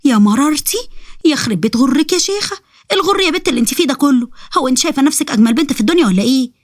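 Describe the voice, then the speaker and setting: A woman's voice: sits high, animated, racing, no echo, clean studio sound. A woman with an Egyptian accent voicing an exasperated middle-aged mother who scolds her daughter. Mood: scolding. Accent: Egyptian Arabic.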